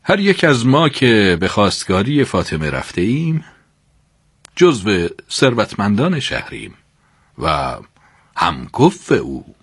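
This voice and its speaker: Guy doing a proud rich suitor, grumbling, husky low voice, pitch swinging around. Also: no echo, studio quality, exaggerated voice. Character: boastful wealthy male suitor, grown man.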